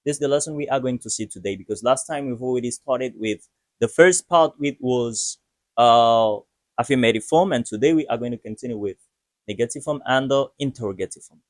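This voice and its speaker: A patient male teacher walks through grammar examples, repeating each phrase slowly and clearly. His voice sits at an ordinary middle pitch. The sound is dry and close, with no room echo. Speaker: English teacher. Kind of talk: video lesson, slow explanation.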